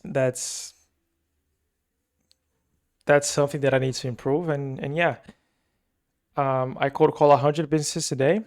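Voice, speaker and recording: A young man with a Brazilian accent, whose first language is Portuguese, runs an agency and rambles through a casual recap of his work week, full of fillers and repeats. His mid-range voice stays steady, and he speaks unhurriedly with long pauses.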